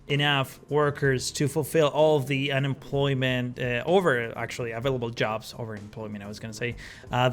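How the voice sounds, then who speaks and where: A man narrates his city-building game in a relaxed, rambling way, full of fillers and corrections. His voice sits at an ordinary middle pitch. Soft background music plays faintly behind him. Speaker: gaming channel host. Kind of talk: casual gameplay commentary.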